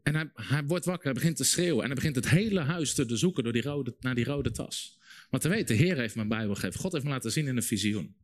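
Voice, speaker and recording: A man's voice: mid-range voice, expressive, quick pace. A young man preaching a sermon, telling a story vividly and repeating phrases for emphasis. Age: young adult.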